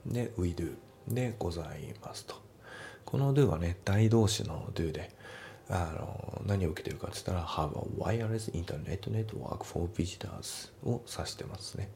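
A man teaching English, patiently going over test answers and repeating pronunciations slowly, often dropping into whispery asides. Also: low-pitched, vocal fry, mellow, slight background noise.

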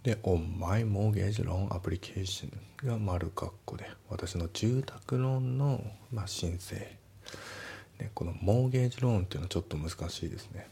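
Low gravelly man teaching English. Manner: relaxed, explains step by step, reads English lines slowly. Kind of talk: casual spoken lesson.

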